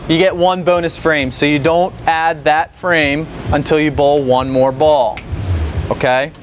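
A young male instructor explains things patiently to a class, step by step. His voice sits a little high, and he often pauses to check that the group is following. The sound is picked up by a distant camera in a big indoor bowling alley, with a faint hum underneath. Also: steady tone. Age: young adult. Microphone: far camera.

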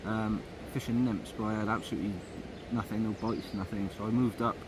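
A man in his thirties talks fairly quickly in a lowish voice, casually narrating his fishing vlog beside a river. He holds a phone or action camera at arm's length and rambles easily with lots of ums, a faint hum of outdoor sound behind him.

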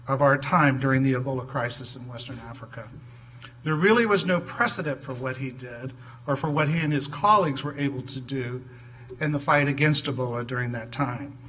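A man in his fifties reading a measured, formal introduction from a podium in a large hall. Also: a little high, pushed and bright, slightly rough. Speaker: event host introducing the speaker. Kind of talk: prepared introduction. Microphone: podium mic.

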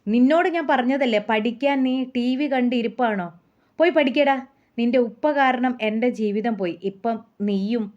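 A woman's voice: a little high, measured pace, darkish tone, natural voice. A woman voicing an exasperated housewife in her thirties who complains about her lonely life. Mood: angry scolding. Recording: muffled lo-fi.

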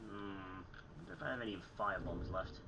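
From a small room at home, a young man who runs a gaming channel chats casually over his gameplay. His deep voice has lively intonation and runs a little fast, over background noise, and it sounds slightly phlegmy and sick. He's chatty and self-mocking, with plenty of throat clearing.

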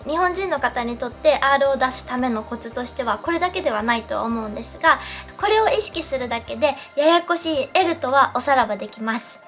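A young woman teaching English pronunciation in a clear explanatory tone, saying English model phrases slowly and carefully. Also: high-pitched, a bit bright. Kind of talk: pronunciation lesson.

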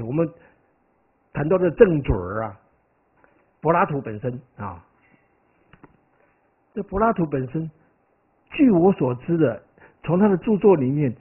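A man, a Buddhist monk, gives a conversational dharma lecture, often asking his listeners "right?" and wandering into stories. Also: fairly high pitch. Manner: animated, digressive storytelling. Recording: tinny, phone-like lo-fi recording.

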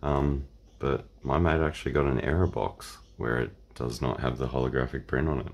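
An Australian man hosting a casual card-opening video, talking in a relaxed, rambling way through a croaky voice. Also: rumbling low, moderate pace. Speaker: channel host. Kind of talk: casual unboxing chat.

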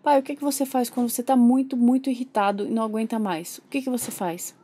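A fed-up young father complains in an exasperated, whiny tone, as a woman plays him. His voice sits on the high side as he grumbles through this playful toy soap opera. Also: steady tone, fast talker, mellow, husky. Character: frustrated young man, reluctant new father.

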